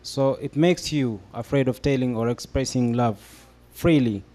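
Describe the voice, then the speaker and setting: A young panel guest from Ethiopia speaks in a dark, mid-range voice at a measured pace. He hesitates a lot as he explains his answer, restarting often and filling gaps with fillers.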